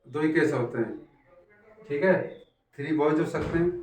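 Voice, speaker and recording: A man's voice: on the high side, moderate pace, a little mellow, slight background noise. A man teaching a math class, repeating points and checking that his students follow. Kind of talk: classroom lesson. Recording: echoey room, voice from far off.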